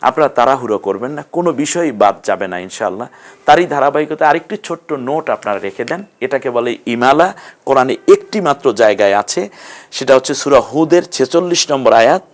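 A man's voice: medium pitch, lively intonation, fast talker. Patient man teaching a reading lesson. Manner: patient, step-by-step explaining, asks questions of learners. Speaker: Quran teacher. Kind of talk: recorded Quran reading lesson.

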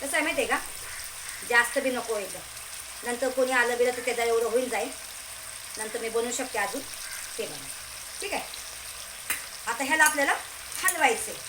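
Marathi lady showing her cooking, chatty, keeps asking ok?, loud sizzle and pan clatter behind. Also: on the high side, animated, normal speed, long pauses. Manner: chatty, keeps asking "okay?" and telling viewers to look. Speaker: home cooking channel host. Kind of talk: casual cooking demonstration. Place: home kitchen. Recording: echoey kitchen with cooking noise. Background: sizzling pan and clattering pots.

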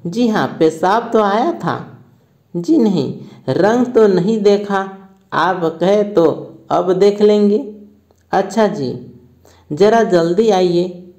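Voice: mid-range voice, takes it slowly, pauses often, darkish tone. A reader voicing a polite, deferential father who talks to the doctor on the phone, in a school play read aloud. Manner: deferential and courteous.

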